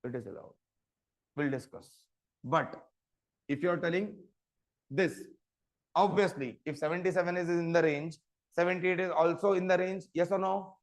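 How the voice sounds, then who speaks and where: A man's voice: on the high side, normal speed, long pauses. A man giving an interactive programming lecture, often stopping to quiz his listeners with short check questions. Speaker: programming instructor. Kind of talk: interactive live coding lecture.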